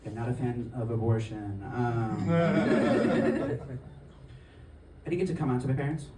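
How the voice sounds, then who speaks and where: A man's voice: medium pitch, measured pace, background noise. A man performing a stand-up comedy set on stage, telling stories in a rambling, conversational way with lots of filler words. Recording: echoey room, mic at a distance.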